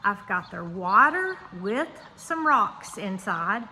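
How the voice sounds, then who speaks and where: A woman's voice: medium pitch, very animated, takes it slowly, bright, forceful tone. A woman giving a casual, folksy farm vlog, talking straight to viewers inside an echoing barn. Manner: folksy, addresses viewers directly. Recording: echoey barn, clear background noise, birds.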